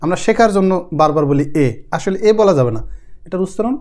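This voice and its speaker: A man's voice: high-pitched, lively intonation, fast talker, darkish tone. A man teaching a casual spoken lesson, repeating each sound several times and explaining in loose, rambling sentences with many restarts. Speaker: language teacher.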